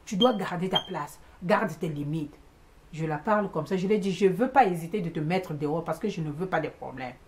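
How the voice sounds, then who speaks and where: A woman telling a personal story in a casual monologue, emphatic and animated, repeating words for stress and dropping in English exclamations. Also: lowish voice, fairly quick. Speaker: vlogger recounting a household conflict.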